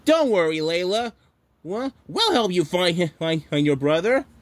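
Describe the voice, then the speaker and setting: A woman voicing a cheerful tomato character who leads his friends in a fan-made puppet show, talking haltingly with many restarts. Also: on the low side, expressive. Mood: bossy.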